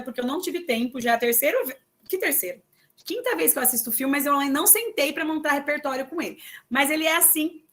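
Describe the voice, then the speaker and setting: Woman teacher, loud and emphatic, high voice, bright tone, keeps checking in with her class. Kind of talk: online exam-prep lesson.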